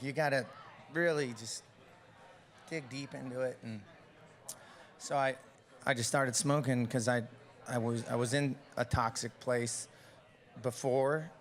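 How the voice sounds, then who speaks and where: A man's voice: mid-range voice, fairly bright tone. Laid-back Mexican-raised male singer. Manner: laid-back, slangy, restarts a lot. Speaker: musician guest. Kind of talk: casual interview chat. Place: studio with a live audience.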